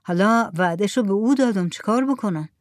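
A woman's voice: medium pitch, no room sound, studio quality, natural voice. Woman reader voicing a cautious fisherman, polite and hesitant.

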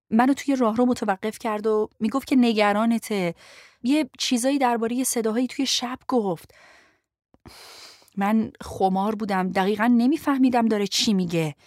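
A woman's voice: mid-range voice, darkish tone, no room sound, lightly acted. A woman reads the part of a young male journalist, flustered and on the back foot. He stammers his denials and apologies in a plain, dry audiobook voice. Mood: apologetic. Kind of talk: audiobook dialogue reading.

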